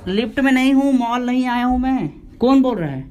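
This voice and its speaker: A man's voice: very high voice, lively intonation, brisk, darkish tone, smooth. A young man doing a comic phone prank in public, boasting and laughing as he talks into the phone. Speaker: prankster making fake phone calls.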